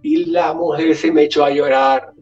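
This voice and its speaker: A man from Galicia, Spain, a guest telling an anecdote in an animated way and acting out the dialogue. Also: fairly high pitch, moderate pace, distant mic, lo-fi sound. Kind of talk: storytelling anecdote.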